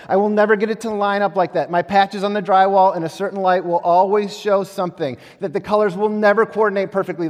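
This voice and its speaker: A man in his thirties preaching a sermon in a church, conversational and self-deprecating. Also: sits high. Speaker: pastor. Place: church sanctuary. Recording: echoey hall.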